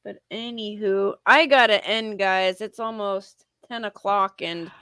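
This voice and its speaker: A woman's voice: mid-range voice, unhurried, pushed and bright, clear, resonant tone, no room sound, clean studio sound. A woman co-hosting a livestream, making blunt, wry remarks in casual chat. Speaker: livestream co-host.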